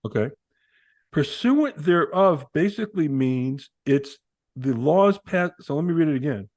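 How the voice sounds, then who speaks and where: A man co-hosting a casual political podcast, animated and joking as he reads old quotes aloud. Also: on the high side, a little slow, no echo. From Italian-American. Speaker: podcast co-host. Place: Arizona.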